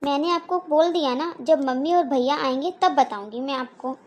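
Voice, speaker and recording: High-pitched sulky young wife, whiny, cartoon, performed by a woman. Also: moderate pace, natural voice. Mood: complaining. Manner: whiny, complaining. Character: petulant young married woman, demanding and sulky. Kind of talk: cartoon voice acting.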